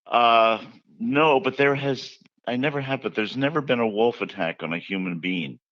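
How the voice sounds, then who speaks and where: A man's voice: medium pitch, moderate pace, fairly bright tone, dry recording, dull audio. A man being interviewed about his book, telling chatty anecdotes and acting out the quotes. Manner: chatty anecdotal storyteller who acts out quotes. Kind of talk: casual interview storytelling.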